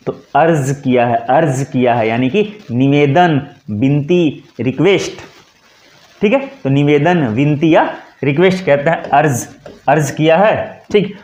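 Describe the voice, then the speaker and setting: A man's voice: mid-range voice, darkish tone. A man teaching Hindi in an online lesson, drawing out and repeating words as he explains them. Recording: echoey room, dull lo-fi sound.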